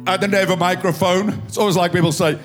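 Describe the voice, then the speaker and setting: In a church, a South African pastor in his fifties preaches an impassioned sermon mixing English and Afrikaans, with soft music in the background. His high voice is fast, level in tone, and tired, yet his emphatic storytelling swells into loud proclamation.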